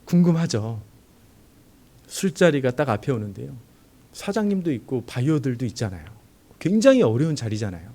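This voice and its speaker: Animated young male preacher. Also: medium pitch, moderate pace. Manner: animated storyteller who acts out dialogue. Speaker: junior pastor. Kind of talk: sermon with personal testimony. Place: church.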